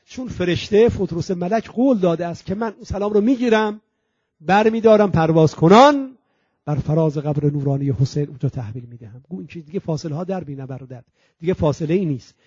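A high-pitched man delivers an impassioned sermon, swelling to loud proclaiming and dropping to a hush, and he stretches out recited Arabic phrases. The recording is dry and dull, with a lo-fi edge. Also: expressive, slightly rough, dry recording. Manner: impassioned, swings between loud and hushed, slow drawn-out Arabic recitation. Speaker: preacher. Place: religious centre hall.

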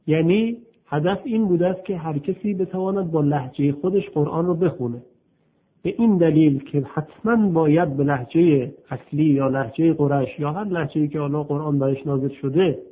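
A man's voice: fairly high pitch, husky. A man giving a patient religious lecture who explains step by step and asks rhetorical questions to his listeners. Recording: tinny, phone-like radio recording.

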